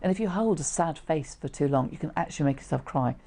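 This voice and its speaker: Middle aged lady explaining stuff to camera, chatty, low voice w lots of fry. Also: animated, fast talker, warm tone. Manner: explanatory, conversational, with short illustrative asides. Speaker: trainer teaching how to read facial expressions. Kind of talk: informal instructional presentation to camera. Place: small indoor room, seated.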